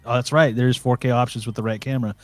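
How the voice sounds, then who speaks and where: A man co-hosts a live stream from his home computer setup, chatting casually and teasing his partner, with lots of restarts in his speech. His voice is medium-pitched, level and fast, with no echo and soft music playing in the background.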